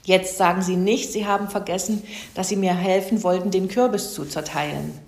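Kind mother hedgehog, brisk and snuffly, echo around, woman reader. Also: lowish voice, a little mellow, close to an everyday voice. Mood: friendly. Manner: friendly and brisk, snuffling "nuff nuff". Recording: roomy echo.

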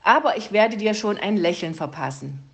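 A woman reading a storybook and voicing a fussy, scholarly male raven who croaks "Kra" at the end of his sentences. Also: mid-range voice, lively intonation, normal speed, close to an everyday voice.

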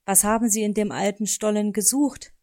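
A woman voicing a lively, excitable male fox who flares up quickly. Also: medium pitch, lightly acted. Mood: excited.

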